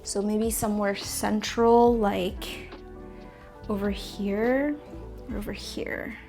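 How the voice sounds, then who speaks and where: Taking it slowly, a plant vlogger speaks in a warm, steady, medium-pitched voice with faint music behind her. She has a stuffy, sniffly nose as she rearranges houseplants in her apartment plant room, chatting, rambling a bit and correcting herself.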